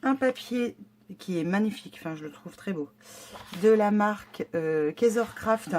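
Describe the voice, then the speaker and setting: A woman's voice: mid-range voice, lively intonation, moderate pace, a little mellow. Woman vlogger going through a craft box, chatty, lots of ums and restarts, gushing, faint hiss behind. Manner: chatty, hesitant, many fillers and restarts; enthusiastic about the items. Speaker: scrapbooking vlogger. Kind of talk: casual unboxing chat.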